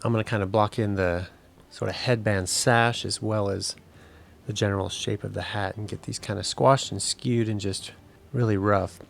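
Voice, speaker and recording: A man in his thirties, a 3D game artist, narrating a tutorial voice-over in a relaxed, explanatory way. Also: lowish voice, moderate pace, vocal fry.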